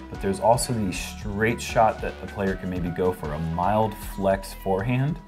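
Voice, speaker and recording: A man's voice: on the low side, a little mellow. A man doing casual play-by-play commentary on disc golf.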